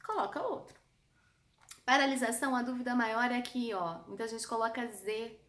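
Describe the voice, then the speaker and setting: Lively Brazilian woman teaching spelling. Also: a little high, normal speed, roomy sound. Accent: Brazilian Portuguese. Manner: lively, chatty, calls students "amor". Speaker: Portuguese language teacher. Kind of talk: online spelling lesson.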